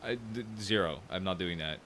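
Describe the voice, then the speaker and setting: A man's voice: deep voice, normal speed, a bit bright. A man streaming a roleplay game, chatting casually, flustered and swearing often. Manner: flustered, swears often, laughs between lines. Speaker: streamer playing a roleplay character.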